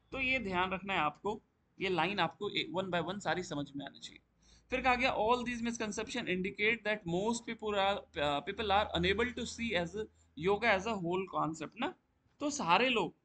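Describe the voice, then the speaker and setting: A man tutoring for a yoga exam, asking questions and answering them himself and reading English lines slowly. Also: sits high, pushed and bright. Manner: explains step by step, asking and answering his own questions. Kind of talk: classroom-style lecture.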